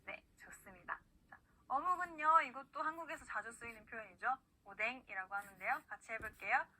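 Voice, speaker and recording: Woman, language teacher, online lesson, patient, slow model words, high voice, very bright tone. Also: rough recording. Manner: patient, repeats words slowly for the learner to copy. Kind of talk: scripted online pronunciation lesson.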